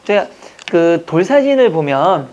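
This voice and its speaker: A man from Jeju Island teaching an exam-prep language class, chatting, joking and quizzing his students with quick questions. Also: a little high, sing-song, a little mellow. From Jeju Island, Korea. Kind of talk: classroom lecture. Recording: dull lo-fi lecture recording.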